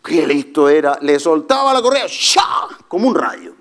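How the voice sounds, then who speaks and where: A middle-aged man preaching a sermon as pastor, telling jokey stories with shouted asides. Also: fairly high pitch, sing-song, moderate pace.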